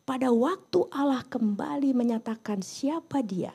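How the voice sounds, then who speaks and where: Husky, lively woman preacher. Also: sits high, unhurried. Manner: lively, conversational preaching with acted-out dialogue. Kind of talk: sermon.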